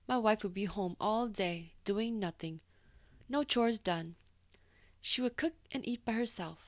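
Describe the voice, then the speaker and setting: A woman's voice: fairly high pitch, no echo. Woman narrating a true story, dry. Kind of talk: first-person story narration.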